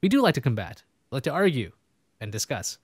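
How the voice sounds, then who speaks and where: A man's voice: medium pitch, very animated, fast talker, a little mellow, slightly rough, no echo. A man hosting a casual interview show, rambling and joking about himself. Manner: rambling, self-mocking, jokey. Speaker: host. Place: New York.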